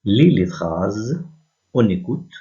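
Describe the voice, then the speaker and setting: Male teacher, very slow and deliberate, mellow tone, spells out sounds for young kids, dull lo-fi audio. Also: on the low side, big pitch swings. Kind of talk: reading lesson for young children.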